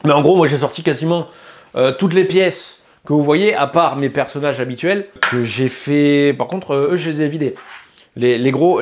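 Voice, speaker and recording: A French-accented man giving a casual, hesitant product review, full of fillers and restarts. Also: medium pitch. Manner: hesitant, filler-heavy, self-correcting. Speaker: YouTube 3D printing reviewer.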